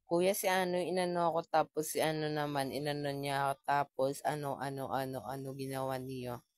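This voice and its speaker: A man's voice: mid-range voice, no room sound. A man with a voice that sounds like a woman's, reading viewer comments aloud in casual chat and answering them with playful, teasing quips. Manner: playful, teasing, quick deadpan replies. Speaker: gaming content creator. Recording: clear background music. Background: music playing under the voice.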